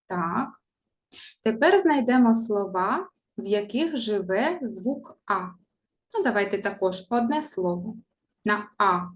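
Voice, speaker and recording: Woman, primary school teacher, slow sing-song delivery, talks to young children. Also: mid-range voice, animated. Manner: models sounds for children to repeat. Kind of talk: primary school reading lesson.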